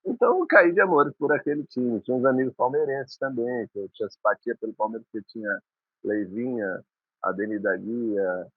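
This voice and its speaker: A man's voice: medium pitch, fairly quick, no echo. Guy in his 50s rambling thru old memories, dry tinny phone sound. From Maranhão, Brazil. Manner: rambling, reminiscing, with restarts. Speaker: guest musician. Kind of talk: conversational storytelling.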